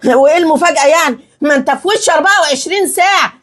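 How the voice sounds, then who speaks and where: A woman's voice: sits high, rapid-fire, fairly bright tone. A woman with an Egyptian accent in a comedic sketch, playing a nagging, suspicious wife.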